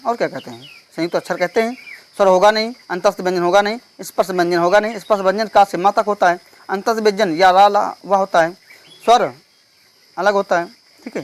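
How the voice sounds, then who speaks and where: A male teacher solving an exam paper step by step. He reads each question slowly and keeps checking in with the class. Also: high voice. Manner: explains step by step, reads questions slowly, repeats "theek hai". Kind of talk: exam paper walkthrough lesson.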